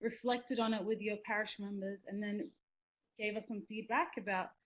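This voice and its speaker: A woman's voice: medium pitch, fairly even intonation, normal speed, poor audio. A young woman from Australia speaking casually on a webinar video call, earnest and enthusiastic, with many ums and restarts. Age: young adult. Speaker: youth representative. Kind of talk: webinar talk. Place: indoors at home, small room.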